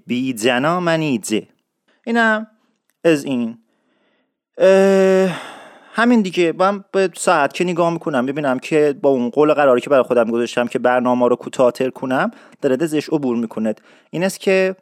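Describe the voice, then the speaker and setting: A man from Isfahan, hosting an informal radio-style language lesson, explaining patiently, slowly repeating example words and adding playful asides. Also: a little high, no echo, clean studio sound. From Isfahan, Iran. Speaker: host and dialect teacher.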